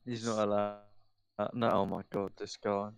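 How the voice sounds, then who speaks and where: A man with a lowish voice chats casually on a race broadcast. He acts as co-commentator, chipping in with informal banter. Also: flat delivery, moderate pace, creaky.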